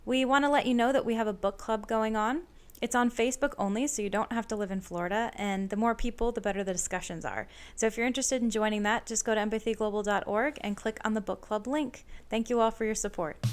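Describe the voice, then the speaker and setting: A woman hosting a podcast, speaking in a steady, even manner as she introduces the show and her guests. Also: on the high side, quick pace, clear, resonant tone. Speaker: podcast host.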